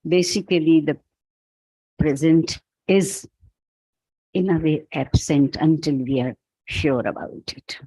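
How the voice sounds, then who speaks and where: Speaking in a soft, mellow, slightly rough voice that is a little high and steady, a Pakistani-accented keynote speaker reflects philosophically in an event hall. His delivery is slow, measured, and halting, with pauses and restarts as he thinks out loud. The recording is close and dry with no echo.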